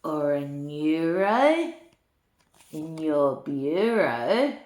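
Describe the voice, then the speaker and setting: In an echoey room, a grandmotherly older woman reads a rhyming children's book aloud with an unhurried lilt, breaking off to chat with her young listeners. Her voice is low and slightly mellow, with wide swings in pitch.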